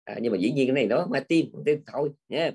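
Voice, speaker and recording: An older man gives a Buddhist dharma talk at a very fast clip, his mid-range voice slightly mellow with a breathy edge. He keeps it conversational, often tagging sentences with small prompting words.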